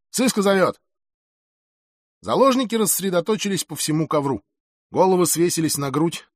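Man, audiobook narrator, first-person reading, expressive, slightly high voice. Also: dry recording, clean studio sound.

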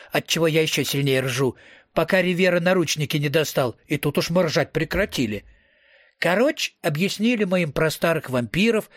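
A man's voice: sits high, no echo, clean studio sound. A man reading a story aloud in first person, in a slangy, wisecracking, profane voice. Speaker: audiobook reader.

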